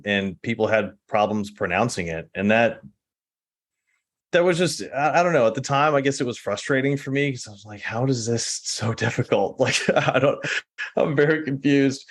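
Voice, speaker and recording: Deep-voiced male guest from Texas, relaxed and reflective, quick to laugh. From Texas, United States. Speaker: podcast guest. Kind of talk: casual conversational interview.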